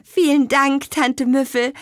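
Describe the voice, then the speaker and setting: A woman voicing a young female apple witch in a storybook reading, speaking high, bright and eager. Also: sing-song, normal speed, breathy edge, dry recording, studio quality. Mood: grateful.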